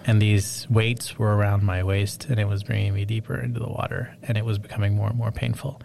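Guy with a lowish voice rambling through a story, lots of likes and ums, bit of hiss behind. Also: brisk, creaky. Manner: rambling, animated storytelling with many fillers. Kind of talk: casual chat.

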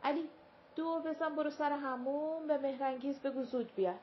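A woman voicing a stern, sharp-tongued mother of the house in a storybook reading, curt and dismissive. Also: high-pitched, pitched above the performer's own voice, lightly acted. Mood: commanding. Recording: dull lo-fi recording with faint hiss.

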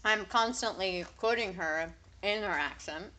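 A woman's voice: medium pitch, a little slow, sharp tone, a little hiss or hum. A woman co-hosting a casual chat podcast, telling loose stories with frequent ums and casual swearing. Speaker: podcast co-host.

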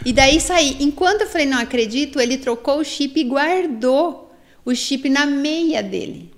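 A woman's voice: high-pitched, moderate pace. A Brazilian woman in her forties, a guest in an interview, telling a personal story candidly and with animation, acting out what others said. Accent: Brazilian Portuguese. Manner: animated, quotes others' words in voices.

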